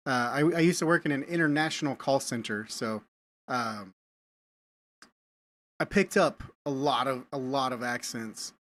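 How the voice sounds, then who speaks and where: A man's voice: medium pitch, unhurried, pauses often, fairly bright tone. A man live-streaming a game, chatting casually with viewers and often repeating words as he thinks aloud. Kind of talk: casual live-stream chat while gaming.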